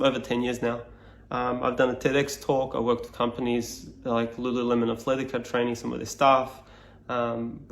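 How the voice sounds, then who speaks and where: With a reverberant, mid-range voice, a man who grew up speaking Serbian describes his speaking course on camera. He works as a coach, and his delivery is musing and loose, peppered with fillers and false starts.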